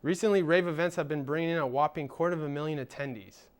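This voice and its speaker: A young adult man hosts a student show, reading cheerful scripted links and interviewing a guest. He talks fast, with a fairly high-pitched voice.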